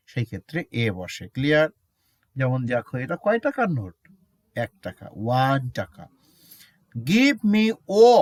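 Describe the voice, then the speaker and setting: A male teacher explains grammar, his pitch leaping up and down as he checks with his students again and again. He repeats example words slowly to show how they are pronounced, in a dry, close recording with no room sound. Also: dry recording. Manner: asks students frequent check questions; mixes English examples into Bengali explanation. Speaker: English teacher. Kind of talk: classroom lesson explaining grammar.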